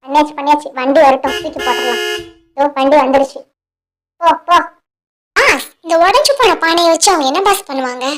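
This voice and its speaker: Woman voicing a chatty high cartoon bird helper. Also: lively intonation, a little fast, long pauses, a crowd in the background. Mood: grumbling. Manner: nosy, grumbling, childlike. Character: chatty eager female bird office helper. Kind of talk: cartoon voice acting.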